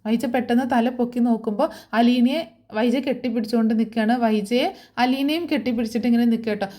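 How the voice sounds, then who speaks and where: A woman recaps a TV serial episode in a loose, chatty way. Her speech is full of fillers and tag questions. Her voice is mellow and fairly high. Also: quick pace. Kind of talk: casual spoken story recap.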